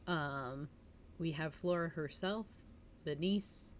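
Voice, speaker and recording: A woman with a low-pitched voice hosts a livestream, speaking slowly against slight background noise. She chats informally and reads a story aloud audiobook-style in a giggly, chatty way.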